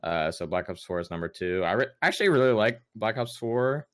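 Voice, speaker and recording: A man's voice: lowish voice, animated, fairly quick, a bit bright, no room sound, clean studio sound. A young man in casual chat on a gaming podcast, rambling with lots of fillers and restarts. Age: young adult. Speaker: podcast co-host.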